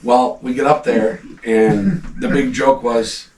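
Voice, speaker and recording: A man telling hunting stories in a steady, matter-of-fact way. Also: mid-range voice, slow. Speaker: channel host. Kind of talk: campfire-style storytelling. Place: cabin room. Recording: echoey room, distant mic, faint hiss.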